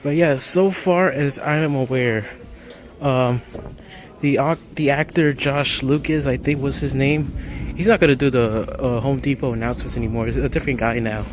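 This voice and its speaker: A vlogger with a mid-range voice and fairly even intonation talks at a moderate pace while filming inside a large hardware store. His commentary is relaxed and improvised, set against store music and a noisy background.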